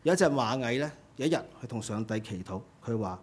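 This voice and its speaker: A man preaching a sermon to his congregation, exhorting earnestly and dropping low and quiet between emphatic calls. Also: animated, a little fast, husky.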